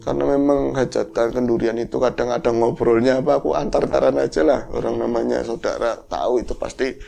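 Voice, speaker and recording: A man's voice: mid-range voice, quick pace, vocal fry, soft background music. A man, telling a horror story in casual chat and acting out the voices in it. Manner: animated, acts out voices in his story. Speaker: horror podcast host.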